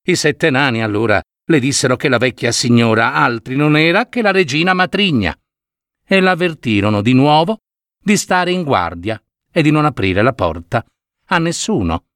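A man reading a fairy tale aloud, with expressive, unhurried storytelling. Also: mid-range voice, dry recording, clean studio sound.

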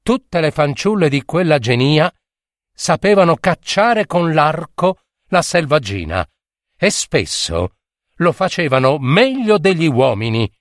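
A man telling a myth in a theatrical, lively way, with sudden high cries and comic asides. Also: a little slow, no echo, clean studio sound. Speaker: storyteller. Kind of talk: dramatic storytelling of a myth.

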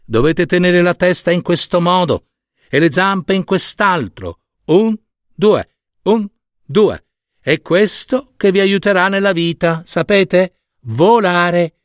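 A man's voice: sits high, lively intonation, slow, no echo, studio quality, pitched above the performer's own voice. A man voicing a bossy mother stork in a storybook reading, drilling her chicks with counted beats. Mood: firm.

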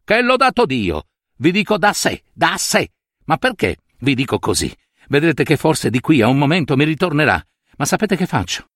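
A man doing a cranky middle-aged notary in a storybook reading, gruff and quick to flare up. The voice swoops widely in pitch and sounds dry and close. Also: big pitch swings, no room sound. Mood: furious. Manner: gruff, furious outbursts. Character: irritable middle-aged male notary in pain.

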